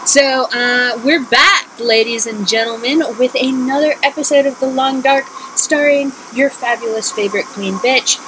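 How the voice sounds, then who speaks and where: A woman's voice: sits high, moderate pace, few pauses, noisy background. A young woman hosting a let's-play, chatting playfully in a sing-song way. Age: young adult. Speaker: gaming channel host. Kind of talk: casual let's-play chat.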